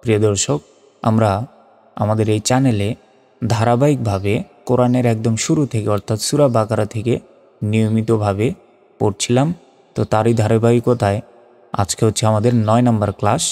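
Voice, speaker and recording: Male Quran reading teacher, methodical, chants verses slowly; low warm voice, long-reverb recording. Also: fairly even intonation, faint music behind. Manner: patient, methodical, drawn-out chanted recitation of verses. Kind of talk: spelling out and reciting Arabic letter by letter.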